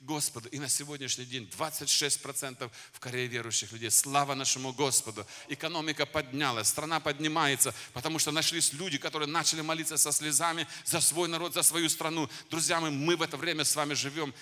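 A male preacher delivers a fervent sermon to a congregation in a conference hall. His voice is bright and forceful, and it rings out with a long hall reverb. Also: on the high side, fairly even intonation, quick pace, hardly any pauses. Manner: fervent, exhorting address to the congregation.

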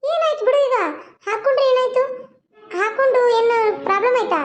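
Lady doing a shrill sassy cartoon mother-in-law, very high and quick. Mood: defiant. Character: scheming middle-aged mother-in-law, defiant and brash. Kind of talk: cartoon voice acting.

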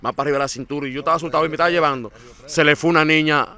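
Very fast and on the high side, a man with a Dominican accent shares his story as a guest in a casual interview. He's animated, repeats words, and acts out the things others said.

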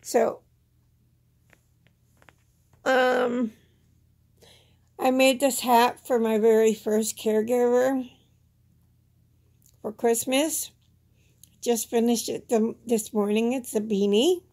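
A woman's voice: a little high, fairly even intonation, takes it slowly, long pauses, darkish tone. A middle-aged woman giving a casual, rambling personal update to camera, plainspoken, with slightly slurred, toothless articulation. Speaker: vlogger. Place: small indoor room at home. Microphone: phone at arm's length.

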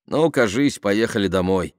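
A man voicing a tough, sharp-tongued woman driver who barks orders and mocks. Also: lowish voice, lively intonation, normal speed, dry recording, clean studio sound, close to an everyday voice. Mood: brusque. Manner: harsh and shouting, then mocking.

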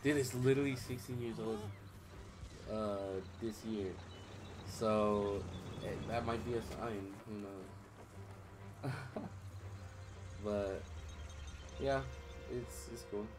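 A young man streams a video game and chats casually, rambling, losing his train of thought, and swearing offhand. His fairly low voice, still recovering from strain, moves slowly with frequent pauses. Game music plays behind him amid a noisy background.

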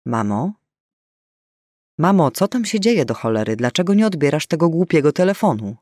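A man's voice: medium pitch, very animated, no echo. Audiobook role: anxious adult son on the line, voiced by a man, pressing and alarmed, dry close recording. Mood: worried. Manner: urgent, alarmed, rapid questions. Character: worried adult son on the phone.

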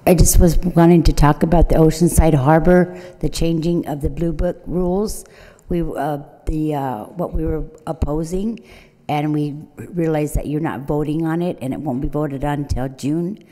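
Halting low-voiced woman at a council podium. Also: fairly even intonation, mellow. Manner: plain, halting, sincere. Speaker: public speaker at city council. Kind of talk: public comment at a council meeting. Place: large council chamber. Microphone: podium microphone. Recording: long hall reverb from the chamber.

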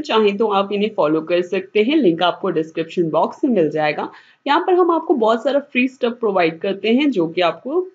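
A woman teaching English vocabulary online in Hindi mixed with English, saying each word slowly and then repeating it. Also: medium pitch, dull audio. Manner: mixes English words into Hindi explanations.

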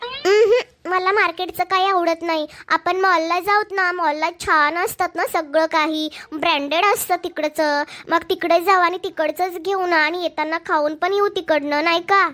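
A woman's voice: very high voice, normal speed, fairly bright tone. A woman voicing a sweet-talking young girlfriend who coaxes her lover into shopping, with a Marathwada Marathi accent. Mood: coaxing. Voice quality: coaxing, wheedling.

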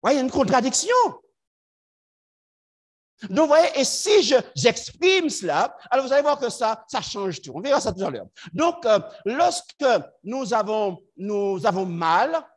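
Animated French-speaking preacher, man, lively pitch. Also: unhurried. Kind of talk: sermon.

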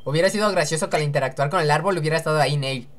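A woman's voice: low-pitched, rapid-fire, slight background noise. A young woman hosting a let's-play, chatting and joking to herself as she reads game dialogue aloud. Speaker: gaming channel host.

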